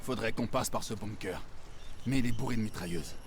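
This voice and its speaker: A man with a fairly low-pitched, natural voice speaks briskly, with background noise and music. In cinematic war video game dialogue, he plays a grave, determined soldier leading a desperate mission, sounding focused as he plans.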